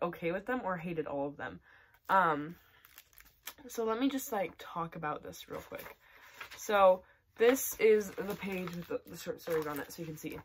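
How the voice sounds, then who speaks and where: A woman's voice: fairly low pitch, fairly bright tone. Chatty young woman reviewing books. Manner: chatty, many "like"s and "um"s, laughs. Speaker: book vlogger. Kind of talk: casual monthly reading wrap-up.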